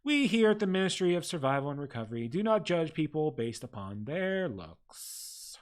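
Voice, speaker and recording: A man's voice: a little high, sing-song, normal speed. A man voicing a brusque female government desk clerk with officious, bureaucratic politeness. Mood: prim.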